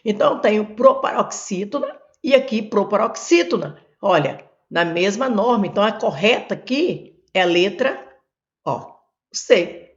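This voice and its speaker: A woman's voice: mid-range voice, lively intonation, unhurried. A Brazilian woman teaching grammar for exam prep, explaining step by step and repeating terms, while she has a cold. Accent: Brazilian Portuguese. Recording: dull lo-fi recording.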